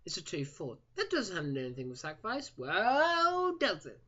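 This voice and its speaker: Chatty male card reviewer, lively up-and-down delivery, dull lo-fi home recording. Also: fairly high pitch, fast, husky. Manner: chatty, stumbles over card names and jokes at himself. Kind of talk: casual card review monologue.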